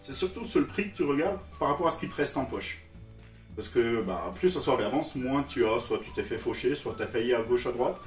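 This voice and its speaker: A man's voice: mid-range voice, animated, a little fast, reverberant, far from the mic, soft background music. A man from Alsace with an Alsatian French accent, giving a jokey, teasing comic monologue straight to his viewers. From Alsace, France. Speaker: vlogger.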